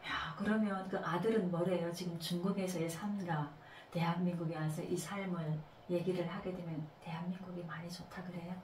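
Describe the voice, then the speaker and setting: A woman's voice: on the low side, fairly even intonation, moderate pace, darkish tone. A woman hosting an interview, responding with empathetic, reflective comments. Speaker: host. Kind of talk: conversational interview. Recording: distant, roomy, faint background noise.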